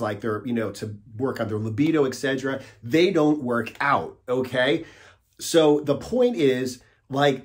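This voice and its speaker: A man in his forties giving a direct-to-camera fitness talk as a coach, emphatic and punctuating points with "okay?", recorded in a small studio. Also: mid-range voice. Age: 40s. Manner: emphatic, repeats "okay?" to drive points home. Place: small indoor studio, plain grey backdrop.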